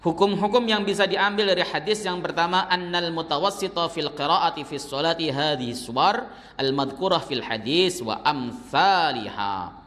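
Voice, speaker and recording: A middle-aged man teaching a study circle in a mosque, talking in a fairly high voice. He keeps it conversational, slipping in teasing asides. A long hall reverb trails every phrase. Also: normal speed, a bit bright. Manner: conversational, teasing asides, chants verses in demonstration. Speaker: Islamic teacher.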